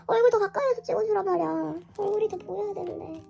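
A woman unboxing an album in a casual vlog, her hoarse voice run through a pitch-raising voice changer, gushing and squealing often. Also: quick pace, warm tone, muffled recording. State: hoarse from illness. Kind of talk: casual excited unboxing chat.

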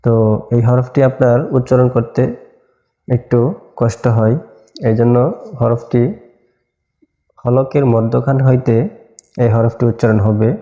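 A man teaching Quran letter pronunciation as a lesson, repeating each letter slowly and drawn out. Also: mid-range voice, little pitch movement, dark tone, reverberant, highs cut off. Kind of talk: slow recitation lesson.

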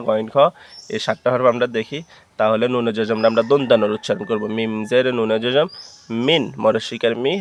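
A man teaching Quran reading, spelling out each letter and vowel mark, then slowly blending the syllables into words. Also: mid-range voice, smooth.

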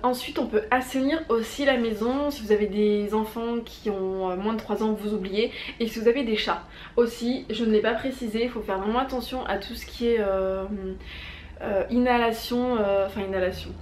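A woman's voice: a little high, steady tone, normal speed, darkish tone. A woman vlogger giving a casual home-remedy tutorial, chatty and hesitant, with lots of fillers and restarts. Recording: echoey room with faint background hum.

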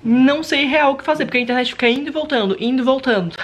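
A young man with a Brazilian accent, vlogging in an excitable, dramatic way, talking straight to his viewers into a handheld camera. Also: very high-pitched, rapid-fire, noisy background. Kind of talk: casual vlog talk to viewers.

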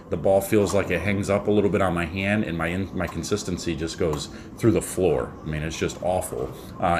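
A man in his thirties, a bowling coach, giving a casual tip to camera from a small room at home, talking in a relaxed, rambling way with fillers and restarts. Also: low voice, slight background noise.

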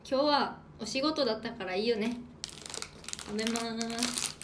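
A woman's voice: fairly high pitch, moderate pace, background noise. A woman from Hokkaido, an idol livestreaming alone, who chats casually, reads out viewer comments and thanks people while eating. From Hokkaido, Japan. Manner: chatty, playful, eats while talking. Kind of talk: casual solo livestream chat.

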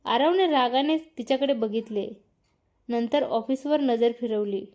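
A woman's voice: a little high, unhurried, warm tone. A woman reading a story aloud, doing every part herself and naming each speaker after their line. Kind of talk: scripted story narration.

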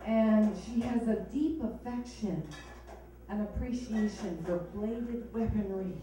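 Slow, sardonic woman comic from Hawaii. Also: medium pitch, a crowd in the background. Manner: sardonic, bawdy punchline delivery. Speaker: stand-up comedian. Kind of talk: stand-up comedy set. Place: comedy club stage. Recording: echoey club sound from far off.

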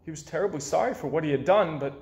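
In his 20s, this man reads a children's story aloud with dramatic emphasis, his voice on the high side, quick and darkish. He's in a small indoor room lined with bookshelves, and the recording carries a roomy echo.

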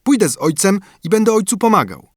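A man's voice: sits high, sing-song, brisk, dry recording, studio quality, pitched above the performer's own voice. A man voicing a clever, bold young male student in an audiobook fairy tale, in a raised, earnest voice.

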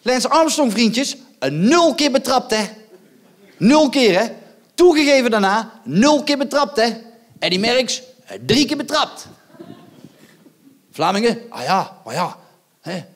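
Male stand-up comic, high-pitched voice, loud and mocking, teasing the crowd from a theatre stage. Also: expressive, a little slow, long pauses. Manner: loud, mocking, goading the audience with rhetorical asides. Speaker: stand-up comedian. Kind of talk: live stand-up performance.

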